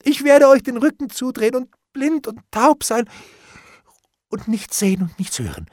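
A cowardly bailiff pleads for mercy in a high, wavering whine, as a man reads him aloud. His voice jumps all over the place and carries a husky grain. The recording is dry and close, with no room around it. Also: wildly swooping pitch, moderate pace, dry recording, exaggerated voice. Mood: desperate. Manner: high, whining and begging, with gasps and whispered prayers. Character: frightened, pleading male bailiff, cowardly and wheedling. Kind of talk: audiobook character reading.

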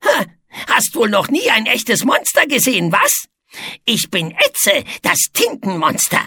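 Etze, a squeaky boastful ink monster. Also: male voice, wildly swooping pitch, a little slow, husky, full character voice. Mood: gleeful boasting. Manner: squeaky, gleeful, shouting and singing. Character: small three-legged male ink monster, boastful, mischievous.

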